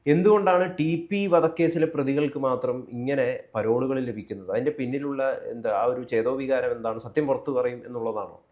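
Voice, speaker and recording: A man, an interviewer putting questions in a measured way and reading out lists of names. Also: mid-range voice, darkish tone. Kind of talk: political interview.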